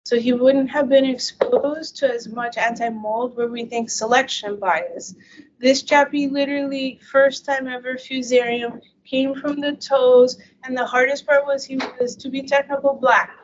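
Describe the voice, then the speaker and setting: A woman's voice: high voice, steady tone, unhurried. A woman physician giving a case-based medical lecture in a chatty, anecdotal storytelling manner. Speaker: infectious disease physician lecturing. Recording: dull lo-fi audio with faint hiss.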